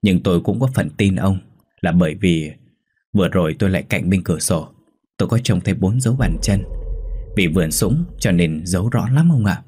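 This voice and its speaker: Một người đàn ông giọng trầm khàn lồng tiếng một bà vợ nông thôn lớn tuổi hay lo lắng, nói lắp khi sợ hãi. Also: male voice, sits low, fairly quick, darkish tone, husky. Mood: uneasy. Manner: anxious, stammering when scared. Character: worried older village wife, anxious, fussing.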